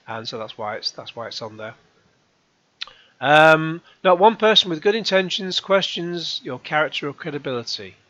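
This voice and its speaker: A middle-aged man hosting his own channel, reading out comments and answering them with sarcasm and rambling asides, his voice going hoarse. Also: medium pitch, a bit bright, lo-fi sound. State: hoarse, coughing. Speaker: YouTube channel host.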